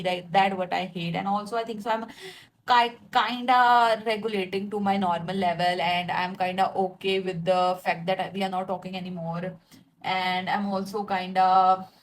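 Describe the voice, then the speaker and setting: On a rough recording with a little hiss or hum, a twenty-something woman with a mid-range voice vlogs a loose, rambling rant to her followers. She chats away, pokes fun at herself, laughs a lot, and leans heavily on fillers like "like."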